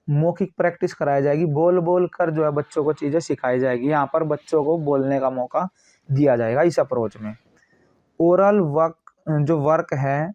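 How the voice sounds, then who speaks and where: A man teaching an exam coaching class, explaining in Hindi and reading English lines slowly with an Indian English accent. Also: fairly high pitch, mellow, no echo, muffled recording.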